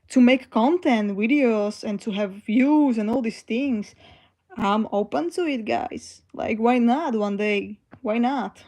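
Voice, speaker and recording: Woman streamer, 20s, from Slovakia; slow, hesitant, mellow, higher-pitched casual chat. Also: low-quality recording. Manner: slow, hesitant, many fillers and restarts. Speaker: livestream host. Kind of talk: casual livestream chat reading comments.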